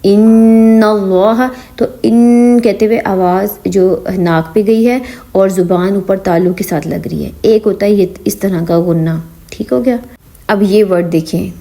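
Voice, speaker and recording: A woman's voice: medium pitch, creaky, warm tone. A woman teaching Quran reading in an online lesson, mixing English words into her Urdu and checking after each point whether the learner has understood.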